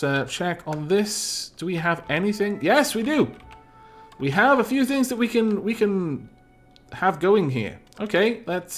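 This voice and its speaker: A let's-play streamer from Wales, Welsh by first language, gives casual commentary as he muses over a game. His pitch is lively, and he meanders, thinking aloud with dry asides, over faint background music.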